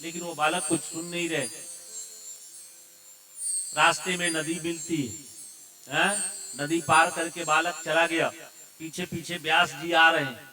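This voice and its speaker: A man's voice: fairly high pitch, level tone, a little slow, pauses often, bright, forceful tone. A man telling a scripture story as a devotional preacher, dramatic and drawn out, breaking into chanted Sanskrit verses and asking the audience rhetorical questions. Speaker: katha storyteller.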